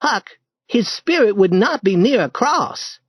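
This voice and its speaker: A man voicing an eager, bold boy who leads an adventure in a storybook reading, in a lively and urgent manner. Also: sits high, unhurried, husky, no room sound, voice pushed up, heavily acted. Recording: dull dry lo-fi recording.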